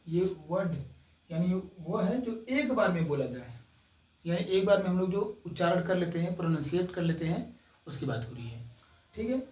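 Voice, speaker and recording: A man, teaching a slow YouTube grammar lesson and often checking in with his students. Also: high-pitched, darkish tone, echoey room, recorded from a distance, rough recording. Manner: slow, drawn-out explaining with frequent "ठीक है" checks. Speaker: English teacher.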